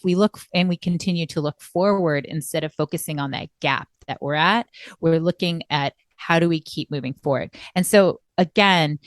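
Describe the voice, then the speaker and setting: A woman's voice: deep voice, dry recording, clean studio sound. Earnest woman podcast co-host. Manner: earnest, reflective, often checks in with "right?". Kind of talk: casual motivational chat. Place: recording remotely, apart from her co-host.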